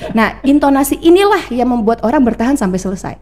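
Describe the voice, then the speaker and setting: A woman with a fairly high voice talks as a podcast guest. She draws on her years as a radio announcer. She explains things in a chatty, teaching way, using everyday examples. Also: very animated, fast, dark tone. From Indonesia. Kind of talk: casual podcast interview.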